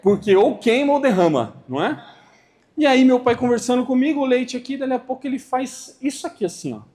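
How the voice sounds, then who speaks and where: A man's voice: very high-pitched, a little fast. A Brazilian man giving an internal corporate training talk to a room, acting out little dialogues as he goes. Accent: Brazilian Portuguese. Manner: animated, acts out dialogues.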